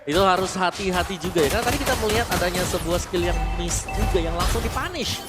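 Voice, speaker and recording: Casting: male Indonesian esports analyst, fast talker, fairly high voice, loud music bed. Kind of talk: analytical game commentary. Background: loud background music.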